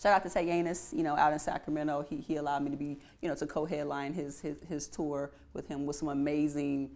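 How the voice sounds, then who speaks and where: A young adult woman musician telling stories in a casual interview, animated and repeating phrases for emphasis. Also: low voice, brisk, gravelly. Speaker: guest musician.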